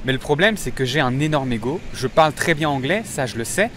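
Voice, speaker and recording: A man's voice: medium pitch, lively intonation, fairly quick, a bit bright, a little hiss or hum. A young French man with a French accent, delivering a mock-serious, self-mocking comic monologue outdoors on a city street. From France. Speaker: comedy vlogger.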